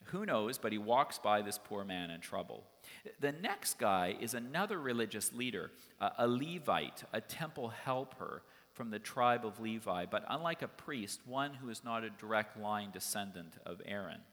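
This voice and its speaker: A man delivers a sermon from the pulpit, his voice sitting a little low. He talks through the story in a relaxed, conversational way, sometimes stopping on an "uh". The church around him adds a long, ringing reverb. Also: moderate pace. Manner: conversational, storytelling, with occasional fillers. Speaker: pastor. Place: church sanctuary.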